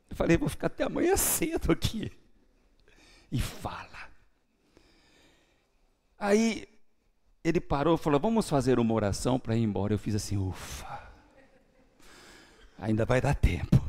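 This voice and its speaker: A man preaching a sermon as pastor, with a Brazilian Portuguese accent, telling his testimony and swinging between hushed, quiet lines and loud, lively ones. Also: medium pitch, vocal fry. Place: church.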